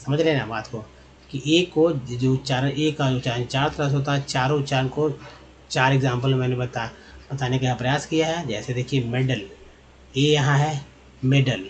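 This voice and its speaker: A man teaching English pronunciation in Hindi, repeating each example word slowly and often checking in with "है ना" and "दोस्तों". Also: medium pitch. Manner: addresses viewers as friends. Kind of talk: spoken lesson.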